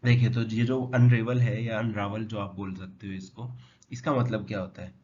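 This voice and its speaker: A man's voice: on the low side, steady tone, darkish tone. Man teaching vocabulary, lo-fi. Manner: asks questions then answers them himself, slow spelled-out words. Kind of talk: explanatory lesson. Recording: dull lo-fi sound with faint noise.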